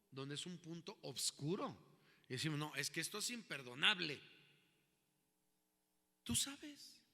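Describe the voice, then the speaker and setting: A man's voice: high voice, bright, forceful tone, big-room sound. A man preaching a sermon as pastor, asking his listeners questions and building in intensity.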